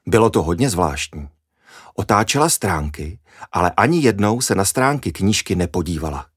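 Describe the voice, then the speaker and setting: A man reading a children's story aloud in a lively, expressive way. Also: fairly low pitch, breathy edge, dry recording, clean studio sound.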